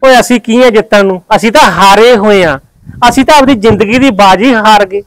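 A man acts out a farmer husband with a Malwai Punjabi accent, reproaching his wife. His voice sits high and the sound is dry and close. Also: brisk, dry recording, lightly acted, poor audio. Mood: reproachful. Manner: pleading, reproachful. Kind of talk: village comedy drama acting.

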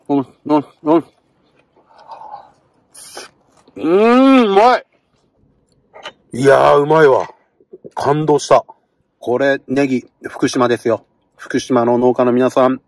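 A middle-aged man talking casually to the camera from inside a parked car, getting excited while he eats. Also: mid-range voice, dry recording. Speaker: vlogger. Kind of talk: casual car-camping vlog.

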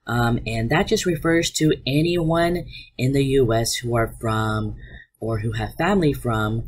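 A man with a husky mid-range voice teaches an online art class, upbeat as he talks his students through the slides. It's recorded as a voice-over on the slides.

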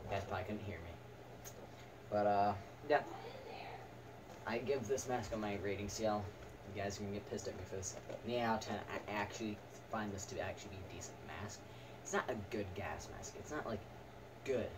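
Recorded in a small attic by a camera several metres off, this video review has a noisy, distant sound. The reviewer is a young man, somewhere from his teens to young adulthood, with a fairly low voice, and he talks casually and haltingly in short bursts with no script.

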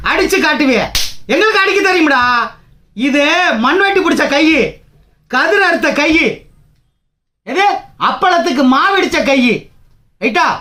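Fiery high-voiced union leader man. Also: pushed and bright. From Tamil Nadu. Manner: combative, taunting, fires rhetorical questions. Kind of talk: angry political speech.

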